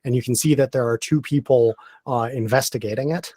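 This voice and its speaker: A man acting as game master, explaining the rules step by step in a halting way. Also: mid-range voice, dark tone, slightly rough, dry recording. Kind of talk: narrating a tabletop game.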